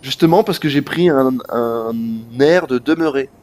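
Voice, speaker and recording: A man streams a game live at a medium pitch and an unhurried pace. He talks straight to his chat in an animated way, swearing casually as he gives live gameplay commentary.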